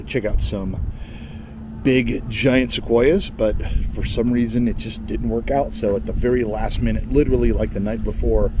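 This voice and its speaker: A middle-aged man from California vlogging casually from an outdoor lakeside campsite, talking in a relaxed, rambling way and correcting himself as he goes. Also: on the low side, background noise. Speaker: camping vlogger. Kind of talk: casual travel vlog. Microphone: camera at arm's length. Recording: music playing under the voice.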